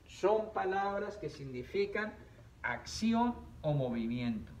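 Animated man teaching children slowly. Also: sits high, highs cut off. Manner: slow, drawn-out syllables, playful and animated. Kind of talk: children's reading lesson on camera. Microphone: camera.

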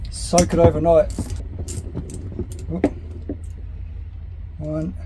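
Speaking very slowly with a flat delivery and a voice on the high side, a New Zealander in his forties films himself on his sailboat with a handheld camera at arm's length. A chatty, practical sailing vlogger, he explains engine work step by step, out at sea and on deck at night, over loud wind and engine noise.

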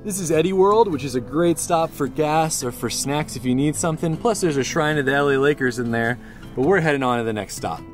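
A man in his thirties narrating a travel vlog, filming himself outdoors in the desert with the camera held at arm's length, upbeat and informative and quick to laugh. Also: fairly high pitch. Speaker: travel vlogger.

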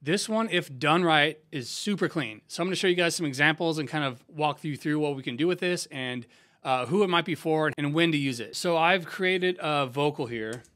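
A young man from San Diego, a music producer hosting a casual software tutorial in a laid-back, slangy, conversational way. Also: fairly high pitch, moderate pace. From San Diego, USA.

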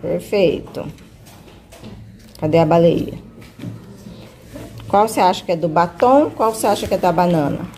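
A woman's voice: on the low side, expressive, unhurried, long pauses, darkish tone, a little hiss or hum. A woman teacher guiding a child through a reading lesson, patiently coaxing and stretching out syllables. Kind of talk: one-on-one literacy lesson.

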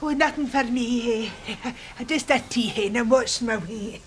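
A woman's voice: a little high, unhurried, noisy background, lightly acted. An actress as a gossipy older woman, broad Scottish accent. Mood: chatty, nosy. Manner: chatty, gossipy, rambling. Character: gossipy, nosy older Scottish woman, chatty regular customer. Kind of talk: sitcom dialogue.

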